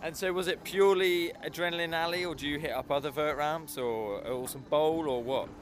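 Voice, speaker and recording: A man interviewing skaters at an outdoor competition, chatty and encouraging, firing off quick follow-up questions. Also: a little high.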